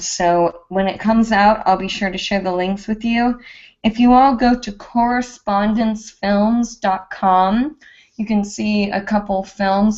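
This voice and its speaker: A woman's voice: mid-range voice, lo-fi sound. A woman hosting a live hooping show, chatting casually and a bit out of breath, rambling with lots of fillers. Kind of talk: casual live-stream chat.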